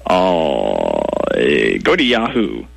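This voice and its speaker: A man's voice: a bass voice, wildly swooping pitch, creaky, no echo, heavily acted. A man playing a clueless, defensive tech support guy who sighs and gets baffled by simple questions. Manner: slow, baffled, defensive, sighing. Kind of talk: comedy sketch acting.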